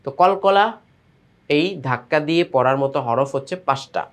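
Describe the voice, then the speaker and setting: A man with a Bangladeshi Bengali accent teaching Quran reading, spelling out letters and vowel marks and then reading the words aloud slowly. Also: medium pitch, animated. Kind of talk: step-by-step recitation lesson.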